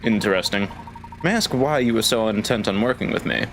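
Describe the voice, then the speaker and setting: A man voicing a proper, formal English gentleman professor from a video game, speaking in a measured, polite way. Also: fairly low pitch, animated, creaky, faint music behind. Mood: composed.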